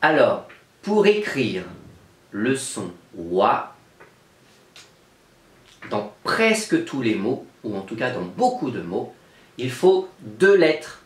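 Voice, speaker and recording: A male teacher giving a remote lesson to young children, taking his time and spelling out each sound with patient care. His voice sits at an ordinary middle pitch. The room around him rings with a noticeable echo. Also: very animated, takes it slowly, pauses often. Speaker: kindergarten teacher.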